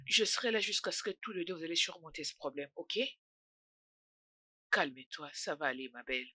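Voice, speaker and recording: A woman's voice: deep voice, animated, a little fast, bright, forceful tone, husky, dry recording, full character voice. An actress dubbing a loyal female friend who soothes and encourages. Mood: comforting. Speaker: supportive friend. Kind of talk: French dub of a film.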